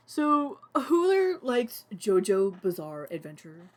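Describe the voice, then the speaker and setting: A woman's voice: mid-range voice, very animated, takes it slowly. A young woman streaming as she animates a puppet, chatting casually and muttering to herself as she works. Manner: rambling, talks to herself and chat, mutters. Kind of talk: casual live-stream chat while animating.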